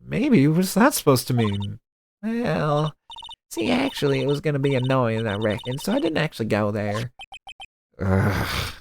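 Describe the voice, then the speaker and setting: A woman's voice: very deep voice, a little slow, gravelly, slight background noise. A woman doing casual, sweary game commentary and reading dialogue aloud as she plays. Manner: sweary, animated. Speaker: game streamer. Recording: game music behind the voice.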